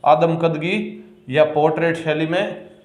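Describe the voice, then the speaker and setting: A man with a Rajasthani accent giving a history lecture for exam students, repeating key words slowly and asking questions he answers himself. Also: fairly high pitch, a little mellow, reverberant. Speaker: exam coaching teacher.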